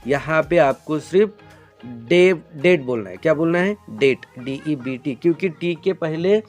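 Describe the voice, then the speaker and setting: A man's voice: on the high side, unhurried, faint music behind. A man teaching English pronunciation in Hindi, answering his own repeated questions and calling viewers "beta". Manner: drills with repeated call-and-response questions; addresses viewers as children. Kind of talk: classroom-style pronunciation lesson.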